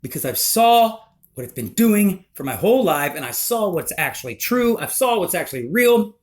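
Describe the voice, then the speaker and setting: A man's voice: high-pitched, moderate pace. Man telling a story, voice swooping widely. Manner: animated, rambling, emotional retelling. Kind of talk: personal testimony storytelling.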